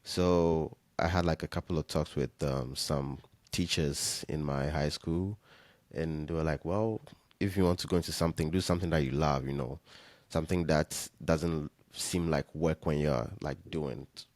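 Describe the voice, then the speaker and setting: A young man from Ghana talks as a podcast guest, his voice extremely low and deep. He rambles easily, circling back with fillers and restarts. The sound is dry and close, with no room around it. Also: fairly even intonation, normal speed, a little mellow, no echo. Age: young adult. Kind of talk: casual interview chat.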